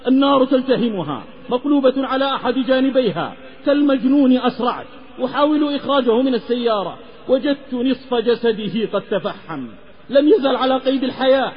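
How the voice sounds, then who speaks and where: A man's voice: very high voice, fairly quick. Male preacher from the Hijaz, fervent sing-song sermon delivery, long hall reverb. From Hijaz, Saudi Arabia. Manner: impassioned, half-chanted delivery. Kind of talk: Islamic sermon with a moral tale. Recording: lecture recording with long reverb, slightly dull.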